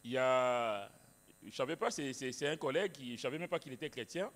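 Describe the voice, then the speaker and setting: A man's voice: mid-range voice, expressive, fairly quick, fairly bright tone. A male pastor preaching a sermon in a church, emphatic, repeating phrases with many restarts. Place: church hall. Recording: long hall reverb.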